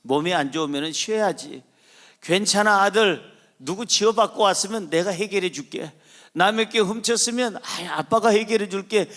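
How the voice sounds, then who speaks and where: A man's voice: sits high, normal speed, a bit bright. A male preacher voicing a doting father of an only son in a sermon illustration, talking in an indulgent, pleading way. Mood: coddling. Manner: indulgent, pleading, then wailing.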